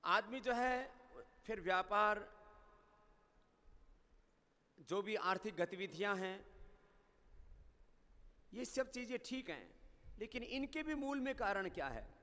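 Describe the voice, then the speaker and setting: Indian guru guy preaching, high bright voice, stacks up repeated lines, big hall echo. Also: expressive, takes it slowly, long pauses. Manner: emphatic, repeating phrases in rising lists. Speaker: spiritual teacher. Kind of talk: spiritual discourse.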